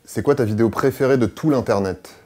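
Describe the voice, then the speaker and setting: A man's voice: mid-range voice, a little fast. A man interviewing a guest, asking short teasing questions. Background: loud music.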